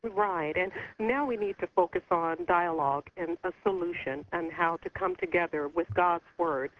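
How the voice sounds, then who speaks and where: A woman calling in to a radio talk show over the phone, speaking earnestly with a concerned, halting manner. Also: lowish voice. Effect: heard over the phone. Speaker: caller. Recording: muffled phone line with faint hiss.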